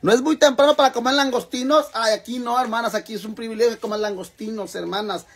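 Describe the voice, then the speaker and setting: A man's voice: very high-pitched, fairly even intonation, fast talker, fairly bright tone. A man with a Mexican accent, chatting casually and rowdily on a cooking live stream, swearing freely and calling his viewers sisters. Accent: Mexican Spanish. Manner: rowdy, swears freely, calls viewers "hermanas".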